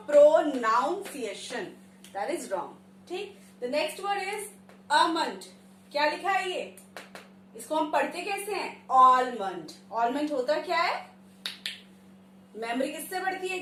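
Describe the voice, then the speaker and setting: Slow, high-voiced Indian teacher woman. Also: echoey room, slight background noise, low-quality recording. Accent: Indian English. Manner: slow, deliberate, drawn-out example words. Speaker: English pronunciation teacher. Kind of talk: teaching, mixing Hindi and English.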